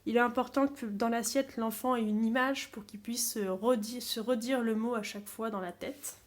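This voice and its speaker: Gentle woman teacher explaining a game. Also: fairly high pitch, normal speed. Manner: calm, simple step-by-step explaining. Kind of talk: classroom game explanation video.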